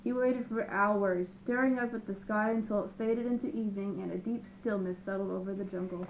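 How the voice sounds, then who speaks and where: A woman reading a children's picture book aloud with lively, expressive narration. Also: mid-range voice, fairly quick, lo-fi sound, slight background noise. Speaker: storyteller. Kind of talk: children's storybook read-aloud.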